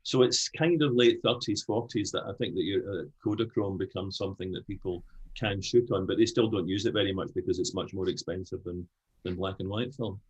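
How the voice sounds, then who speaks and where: A man's voice: sits low, fairly quick, breathy edge, poor audio. A Scottish man, older, speaking frankly as an interview guest, with many restarts. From Scotland. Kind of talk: conversational interview.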